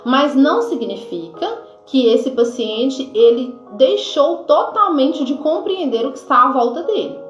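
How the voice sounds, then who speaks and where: A woman nurse with a Brazilian accent gives an informal health lesson, with many fillers and pauses to check her notes. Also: high-pitched, animated. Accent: Brazilian Portuguese. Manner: informal teaching, frequent fillers like "né" and "tá"; reads from notes at times. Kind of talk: explanatory health lesson to camera. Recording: echoey room, dull lo-fi sound, faint music.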